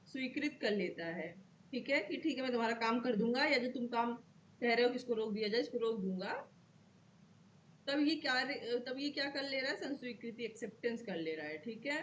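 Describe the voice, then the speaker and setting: A woman's voice: a little high, a little hiss or hum. A woman teaching law to students, explaining step by step and checking in often with "okay" while repeating key terms.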